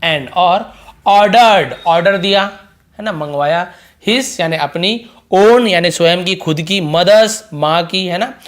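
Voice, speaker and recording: A man teaching English, reading each phrase of a story slowly and loudly, then explaining it in quieter Hindi. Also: sits high. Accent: Indian English.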